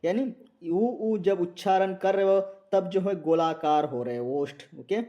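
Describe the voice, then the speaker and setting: A male teacher works through exam questions one at a time, reading each option and then repeating the right answer. His voice sits high but sounds mellow and soft-edged. He speaks slowly, drawing out each letter sound. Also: muffled recording. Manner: reads options aloud, repeats answers, asks viewers to comment.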